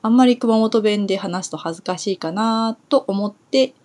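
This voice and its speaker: A young woman from Kumamoto in Japan, talking through a relaxed solo Japanese lesson in a chatty way, pausing on soft fillers as she thinks aloud. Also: medium pitch. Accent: standard Japanese. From Kumamoto, Kyushu, Japan. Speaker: Japanese teacher.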